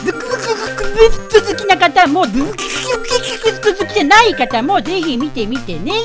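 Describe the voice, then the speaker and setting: Very high-pitched brash woman narrating over music. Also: sing-song, normal speed. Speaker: channel host, narrator. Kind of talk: casual scripted narration for a comedy video. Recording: music behind the voice. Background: background music and jingles.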